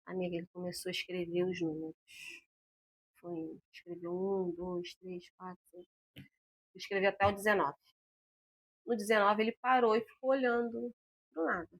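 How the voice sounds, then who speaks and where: A woman appears as an interview guest, the mother of a patient, animatedly recounting a personal story about her son and acting out the voices of the people involved. Her mid-range voice has vocal fry, and she speaks at normal speed with long pauses.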